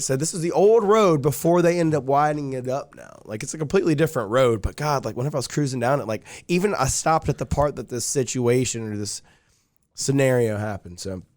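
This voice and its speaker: A young man telling a long personal story in casual chat, rambling with lots of fillers. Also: medium pitch. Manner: rambling, many fillers like "like" and "dude". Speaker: podcast guest.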